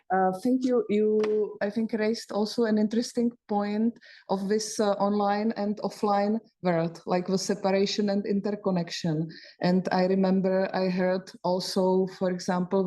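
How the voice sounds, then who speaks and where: A woman moderates a panel discussion in a measured way, steering the conversation. Her first language is Czech, and her voice is low, flat and mellow.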